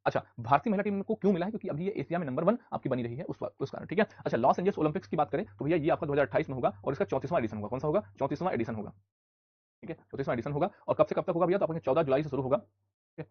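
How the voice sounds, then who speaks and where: Guy teaching a live online class, rattles off facts super fast, husky slightly high voice, dry muffled sound. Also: animated, no echo. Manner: fast, repetitive drilling with rhetorical questions; scolds students loudly at times. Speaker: online exam-prep teacher.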